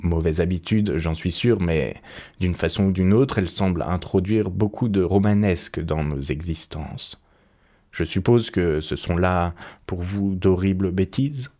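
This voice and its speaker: A man's voice: sits low, measured pace, warm tone. A man reading aloud and voicing an earnest, troubled young painter who speaks sincerely.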